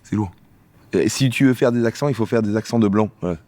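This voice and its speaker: A man acting out a bickering comedy sketch dialogue, trading quick lines between two characters. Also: on the low side, darkish tone, dry recording.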